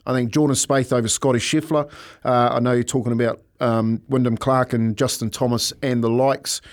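Mid-pitched Kiwi man talking sport. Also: fairly even intonation, moderate pace. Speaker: sports radio panellist. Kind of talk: casual sports chat.

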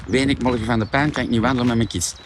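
A man with a Flemish accent, ranting animatedly and swearing as he pitches a diet product on a live vlog. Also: fairly even intonation, racing, background noise. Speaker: product seller.

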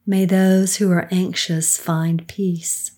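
A middle-aged woman with a soft, soothing, breathy voice, leading a guided meditation in a calm, unhurried manner with hushed phrase endings. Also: lowish voice. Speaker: guided meditation leader, podcast co-host.

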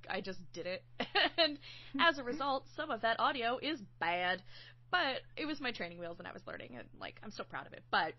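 Very animated and brisk, a slightly high-voiced woman who writes and does sound design for audio dramas discusses collaboration in a casual podcast conversation. She laughs frequently and leans on "like" as a filler, while the recording has its highs cut off.

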